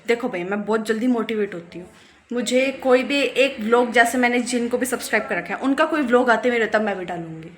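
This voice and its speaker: A woman's voice: a little high, fairly quick, slight background noise, poor audio. A young woman vlogging about her day in a casual, chatty way, ranting about small troubles. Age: young adult. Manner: chatty, complaining rants. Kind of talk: casual day-in-my-life vlog.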